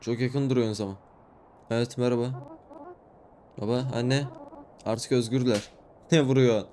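A young man quietly talks his way through a horror game, keeping his voice low and muttering. He reads each line of dialogue aloud in a flat, even tone as he plays. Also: a little slow, a little hiss or hum. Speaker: gaming YouTuber. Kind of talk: let's play commentary, reading dialogue aloud.

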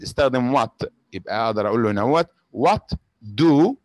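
A male teacher with an Egyptian Arabic accent gives a grade-school English lesson, moving quickly between Arabic explanations and slow, deliberate English sentences. His voice sits at an ordinary middle pitch, and the recording is dry, with no room sound. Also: no room sound. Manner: slows down sharply to dictate English sentences.

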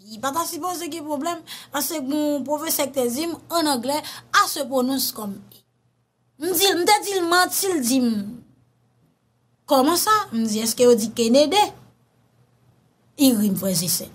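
A woman with a Haitian accent giving animated casual commentary, often calling her listeners brothers and sisters. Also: sits high, moderate pace. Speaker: online commentator.

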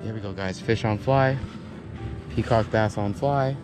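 With music running underneath, a young fishing host on a grassy canal bank gives relaxed, upbeat narration of his outing and calls out to viewers. A wide-angle action camera on his body captures his voice, which is on the low side and measured in pace.

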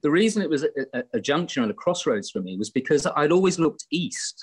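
A man's voice: fairly high pitch, very animated, quick pace, husky. A middle-aged English man on a video call from home, talking in a reflective, rambling way with many fillers and restarts. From England. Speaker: guest musician. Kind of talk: casual interview chat. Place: home room in Greece, indoors. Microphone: laptop webcam on a video call.

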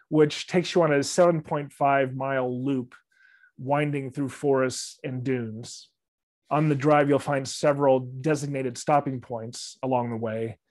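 A middle-aged man of medium pitch and darkish tone gives a library travel club talk with slides via video call webcam. The recording is dry, with clean studio sound. His style is friendly and loose, with fillers and restarts.

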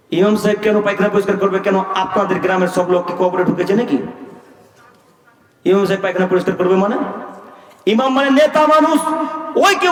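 A male preacher, delivering a sermon full of scolding rhetorical questions to his listeners. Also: extremely high pitch. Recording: echoey hall recorded from far off.

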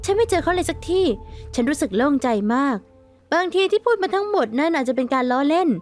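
A woman narrating an animated story in first person, sarcastic and exasperated. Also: high voice, quick pace, faint music behind. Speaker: narrator and heroine voice.

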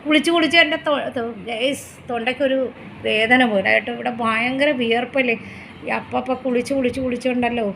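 High-voiced woman vlogging at home. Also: a bit bright, a little hiss or hum, rough recording. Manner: coaxing baby talk to her pet dog. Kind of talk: casual home vlog. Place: home indoors.

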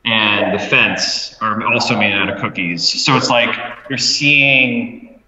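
A man's voice: on the low side, slow pace, sharp tone. A man, a curator hosting the talk, chatting casually with short agreeing replies and frequent laughs. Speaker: curator and host. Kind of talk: casual conversation. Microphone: video call. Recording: distant roomy lo-fi audio.

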